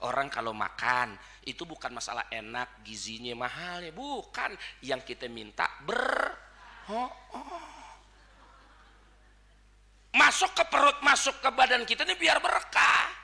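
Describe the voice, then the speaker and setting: Gravelly, bright-voiced Betawi preacher man. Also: on the high side, sing-song, normal speed, a little hiss or hum. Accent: Betawi Jakarta. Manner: jokey, swings between quiet asides and shouted points. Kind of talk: Sunday dawn sermon.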